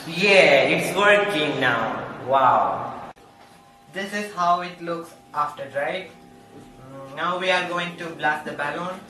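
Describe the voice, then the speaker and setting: A teenage boy from Sri Lanka, a student presenter, demonstrates a craft project indoors in a classroom, speaking slowly in a voice on the high side with simple non-native phrasing and frequent pauses. A camera phone captures him from a distance in a very echoey room with a long reverb and clear background noise.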